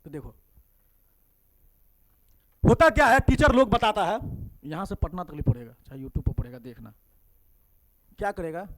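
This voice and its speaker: A man with a Bihari Hindi accent teaches a math class. His voice sits high and leaps up and down as he coaxes students with quick questions. Classroom teaching, full of prompts. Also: a little hiss or hum. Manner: lively, coaxing questions to students.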